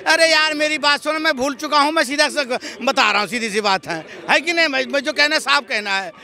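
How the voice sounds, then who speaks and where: A man's voice: very high voice, fairly quick, vocal fry, pushed and bright. A man arguing heatedly as a street interviewee, insisting on being heard and repeating his points. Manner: insistent, repeats himself, talks over others.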